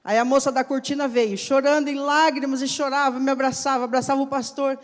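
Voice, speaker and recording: A woman preacher giving a sermon with personal testimony, telling her stories slowly and emphatically and acting out the dialogue in them. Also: high-pitched, fairly even intonation. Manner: slow, emphatic storytelling. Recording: long hall reverb.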